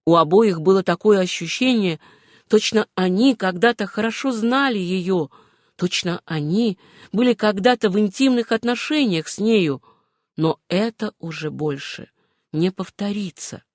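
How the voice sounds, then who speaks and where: A woman narrating a novel in a steady, even storytelling manner. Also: medium pitch, measured pace, no echo, clean studio sound. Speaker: audiobook narrator.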